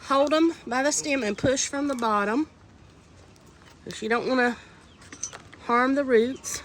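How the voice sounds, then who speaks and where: A high, slightly slow and somewhat bright voice, stuffy from a cold, guides viewers through repotting seedlings out in the wind. The homesteading vlogger keeps it chatty, homey and instructive, and faint wind noise is in the recording.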